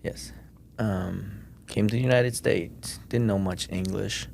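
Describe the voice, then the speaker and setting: A man in his thirties from Vietnam, a podcast guest telling his story in a measured way, often pausing with ums. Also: lowish voice, fairly even intonation, gravelly, a little mellow, slight background noise. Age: 30s. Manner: measured, hesitant with many ums. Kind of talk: casual interview.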